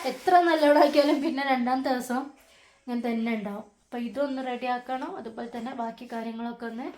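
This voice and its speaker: A woman's voice: a little high, quick pace, noisy background. A young woman, chatting casually at home in a family vlog as she explains each step. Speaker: family vlogger, mother. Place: home, indoors.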